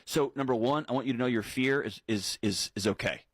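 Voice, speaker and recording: Male radio host, mid-pitched, emphatic and reassuring, close dry studio sound. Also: no echo. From Houston, Texas. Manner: emphatic, reassuring, slows down for key points. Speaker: radio talk show host. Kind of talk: call-in advice talk. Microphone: studio microphone.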